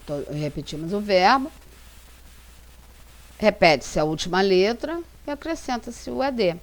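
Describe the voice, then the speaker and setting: Brazilian woman teacher with a Brazilian Portuguese accent, patient slide-lesson narration, a bit low-pitched. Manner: slow, careful dictation of example sentences. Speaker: English teacher. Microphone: voice-over for slides.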